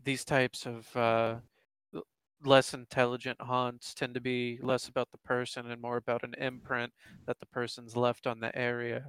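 A man role-plays in a measured, hesitant and formal way. His mid-pitched voice is very clean and smooth and barely varies in melody. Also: fairly bright tone, no room sound, low-quality recording. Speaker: player in a tabletop game. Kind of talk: in-character role-play.

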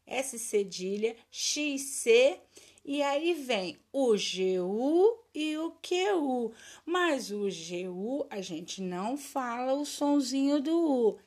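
A woman's voice: medium pitch, a little mellow. A woman teacher giving a recorded lesson for children, drilling words in a patient sing-song and praising her pupils.

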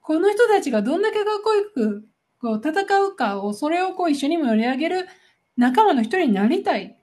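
A woman's voice: sits high, very animated, fairly quick, a little mellow. A woman with a Kansai accent, a podcast co-host chatting and teasing her partner. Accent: Kansai Japanese. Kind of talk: casual chat.

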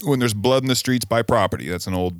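A man's voice: medium pitch, quick pace, no room sound, clean studio sound. A man, a podcast guest, giving opinions in a rambling way with frequent restarts. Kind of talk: casual chat.

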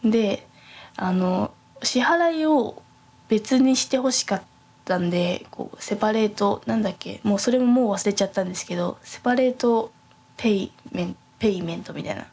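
A soft-spoken young woman chatting casually on a podcast, her voice carrying a gravelly, creaky texture at a middling pitch. She rambles through her story with lots of fillers and restarts. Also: normal speed. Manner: rambling, many fillers and self-corrections. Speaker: podcast host.

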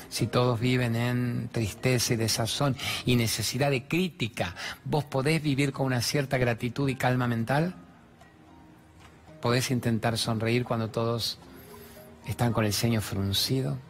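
Older man, Rioplatense Spanish accent, motivational host, playful storyteller, faint background music. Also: mid-range voice. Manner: playful, acts out dialogue in raised voices. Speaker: host giving motivational talk. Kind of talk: animated spiritual pep talk.

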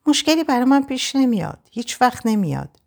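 A woman reading a frightened but stubborn young woman in an audiobook, pitched clearly higher than the narration. The voice is anxious and insistent, moving widely in pitch. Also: sing-song, a little mellow, exaggerated voice.

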